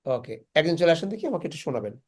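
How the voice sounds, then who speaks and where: A woman's voice: deep voice, very animated, quick pace, dark tone. A woman teaching Quran recitation in an online class, patiently repeating syllables aloud for students to copy. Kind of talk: slow online class instruction.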